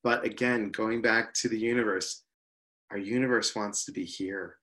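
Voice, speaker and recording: A man's voice: on the low side, fairly even intonation, normal speed, sharp tone. A man speaking as an interview guest, an upbeat workshop leader who often says "you know".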